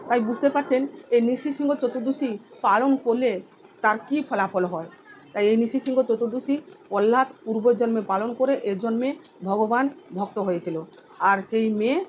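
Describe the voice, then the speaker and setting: Lady giving a devotional talk, a bit high voice, repeats chants over and over, faint hiss behind. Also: darkish tone. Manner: instructive, repeats chants and names slowly. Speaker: devotional speaker.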